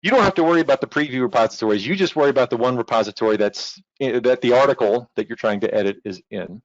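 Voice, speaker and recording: A technical instructor gives an online technical presentation in an explanatory style with informal asides. His medium-pitched voice moves fast, and the recording is dry, with dull lo-fi online-call audio.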